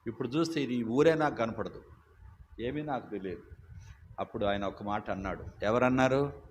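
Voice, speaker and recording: Older male preacher, loud and emphatic storyteller, slight hiss behind. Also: medium pitch, normal speed. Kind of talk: sermon. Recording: dull lo-fi recording with faint hiss.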